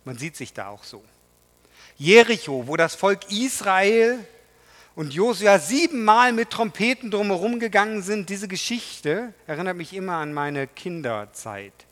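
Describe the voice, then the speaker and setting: A man's voice: sits high, lively intonation, moderate pace, a bit bright. A man preaching a sermon to a congregation in a conversational way, often putting questions to his listeners. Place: church hall. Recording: reverberant hall.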